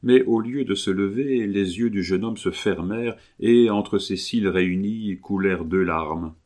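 A man reads a classic novel aloud as an audiobook. His voice sits very low. He tells the story in a measured, expressive way. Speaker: narrator.

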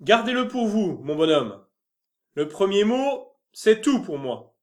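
A man voicing a kind former soldier in an audiobook, gentle with a child and firm with others. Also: fairly high pitch, moderate pace, natural voice. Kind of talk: audiobook character reading.

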